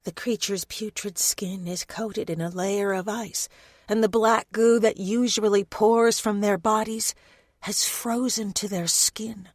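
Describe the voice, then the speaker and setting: A woman narrating a first-person zombie audiobook in a tense, dramatic reading, with soft, hushed asides. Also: mid-range voice, fairly even intonation, a little slow, no echo, studio quality.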